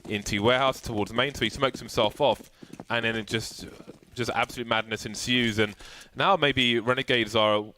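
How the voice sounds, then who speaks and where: A man giving live play-by-play commentary on a match, with dry, deadpan banter between excited calls. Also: medium pitch, moderate pace, few pauses. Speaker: esports commentator. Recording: light background noise with game gunfire.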